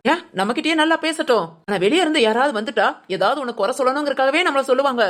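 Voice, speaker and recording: A performer voices an outspoken young woman in a cartoon family drama, ordering her friend around in a bossy, blunt, scornful way. The voice is high-pitched, racing, and a bit bright.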